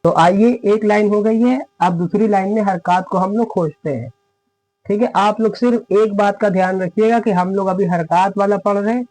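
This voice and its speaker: A man's voice: high voice, normal speed, darkish tone, poor audio. A man giving a spoken lesson on Quran reading, explaining each rule step by step and checking in with his listeners. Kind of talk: spoken lesson with recited examples.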